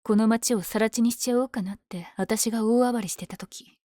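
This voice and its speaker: Woman playing a mellow, teasing, lovestruck villainess. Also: a little high, fairly even intonation, normal speed, no room sound, clean studio sound, lightly acted. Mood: bashful, confiding. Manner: teasing, breathy asides. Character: powerful flirtatious villain lady, smitten with her hero rival. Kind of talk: ASMR situation voice drama.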